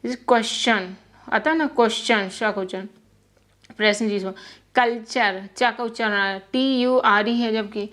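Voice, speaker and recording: A woman's voice: a little high, moderate pace, fairly bright tone. A young woman teaching English pronunciation in a Hindi lesson, patiently repeating words and spelling out letters. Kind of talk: Hindi-language lesson explaining spelling rules.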